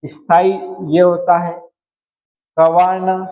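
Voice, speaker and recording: Very slowly and with flat delivery, a man in a high, warm voice goes through a Hindi spelling-correction lesson word by word, often checking in with his students with "है ना". The audio is poor.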